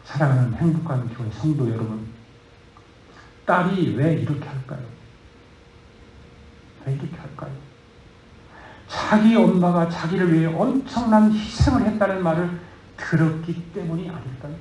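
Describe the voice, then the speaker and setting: A man's voice: a little high, moderate pace, pauses often, darkish tone, a little hiss or hum. Fervent male pastor in a roomy church. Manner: rising to fervent, urgent exhortation. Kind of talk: sermon.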